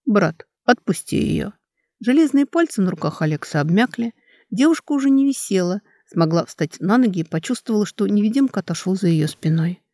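A woman narrating an audiobook with even, dramatic storytelling on a close mic. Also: mid-range voice, brisk, dry recording.

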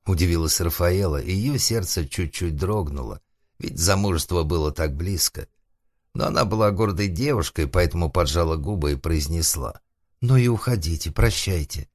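A man reading a humorous story aloud as narrator, wry and deadpan, with asides to the listener. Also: deep voice, moderate pace, no echo. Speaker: audiobook narrator.

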